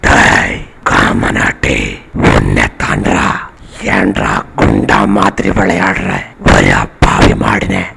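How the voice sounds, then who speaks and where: A man putting on a menacing male villain, growling in a deep gravelly voice in a comedy skit. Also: sing-song, takes it slowly, bright, forceful tone, exaggerated voice.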